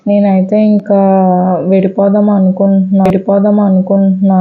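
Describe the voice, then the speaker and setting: A woman's voice: medium pitch, monotone, moderate pace. Plaintive woman on a tinny phone line. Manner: plaintive, complaining. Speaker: prank caller. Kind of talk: prank phone call.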